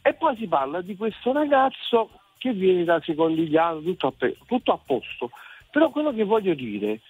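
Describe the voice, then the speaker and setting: A man's voice: sits high, slightly rough, dry recording. A man from Naples, calling in to a radio show over a landline phone and speaking hesitantly, often restarting. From Naples, Italy. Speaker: caller, musician. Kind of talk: radio call-in comment. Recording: tinny phone line into radio studio.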